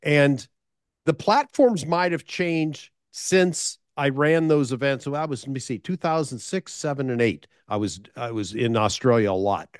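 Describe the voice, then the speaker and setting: A man's voice: medium pitch, expressive, unhurried, dry recording, clean studio sound. A middle-aged American man tells a story on a podcast, sharing business advice with listeners and often repeating and restarting his phrases.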